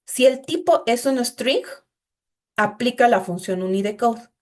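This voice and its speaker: A woman's voice: a little high, lively intonation, a little slow. A woman giving an informal, explanatory recorded programming class and talking directly to her students. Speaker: instructor.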